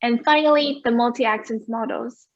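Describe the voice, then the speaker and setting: A woman giving an academic conference presentation over a video call, explaining results clearly. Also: on the high side, normal speed, no echo, highs cut off. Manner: clear, explanatory, asks for next slide.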